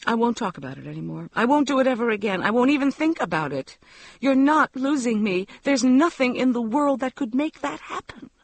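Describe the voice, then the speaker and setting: A man voicing a distraught, remorseful young wife in an audiobook, speaking with raised pitch and earnest pleading. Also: normal speed, darkish tone, dry recording.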